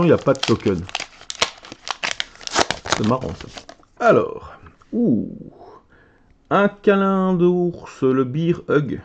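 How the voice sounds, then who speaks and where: An excitable, chatty man opening trading cards and reading their names aloud, his voice swooping up and down with animated pitch. The recording is muffled and lo-fi, like a simple home setup. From Belgium. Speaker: card game content creator. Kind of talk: casual card-opening commentary.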